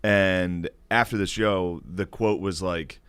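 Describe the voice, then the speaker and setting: A man's voice: low voice, steady tone, takes it slowly, a bit bright, smooth, dry recording. A man who is a comedian guest, talking casually on a podcast in a loose, profane way, often laughing and trailing off.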